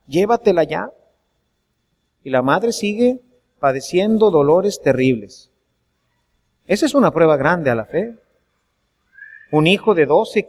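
Priest, high tenor, earnest sermon with questions to the flock, long church reverb. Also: male voice. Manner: earnest preaching with rhetorical questions to the congregation.

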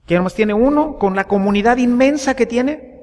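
A man's voice: extremely high pitch, moderate pace. A male priest preaching a sermon, asking the congregation questions and repeating phrases. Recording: long reverb in a large church.

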